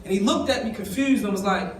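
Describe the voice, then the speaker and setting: A high-voiced young man from East Baltimore tells his personal story as a summit speaker in a conference hall, talking fast, emotionally, and conversationally while addressing the audience directly. The recording is echoey, his voice coming from a distance with a little hiss or hum.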